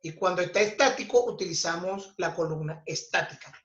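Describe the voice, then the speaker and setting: A man's voice: high voice, a bit bright. A man teaching a physics lesson, explaining step by step and checking in with "ok?" after nearly every point. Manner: slow, deliberate explaining, checks in with "ok?" constantly. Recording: roomy, dull lo-fi recording.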